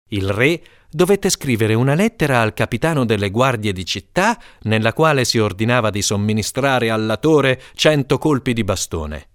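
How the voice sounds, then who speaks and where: A man reading a comic folk tale aloud with lively, swooping intonation. His voice sits at a middle pitch and sounds dry and close, with almost no room around it. He reads as a playful storyteller. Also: no room sound. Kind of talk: scripted narration of a folk tale.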